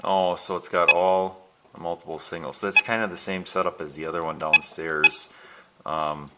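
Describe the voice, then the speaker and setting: A low-pitched American man makes amateur videos, here giving a casual, unscripted tour of his gadgets at home and in a workshop. He hesitates as he thinks aloud, and the noisy recording picks up handling clicks.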